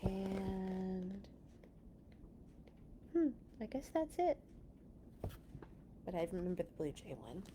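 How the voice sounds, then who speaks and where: Reading picture books to kids, this storyteller has a warm, mid-range voice that is very animated, yet she takes her time with long pauses. She performs the stories expressively and chats with her young audience between passages, against slight background noise.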